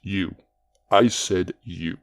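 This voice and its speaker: A woman's voice: rumbling low, full character voice. A woman doing a sinister villain uncle. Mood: menacing. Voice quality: menacing, slow measured delivery. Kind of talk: audio drama acting.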